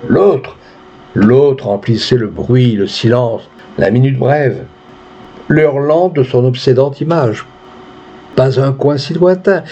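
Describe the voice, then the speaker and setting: A man narrating a literary story in a measured, dramatic reading. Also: mid-range voice, mellow. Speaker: audiobook reader. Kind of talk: scripted narration. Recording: dull lo-fi with faint noise.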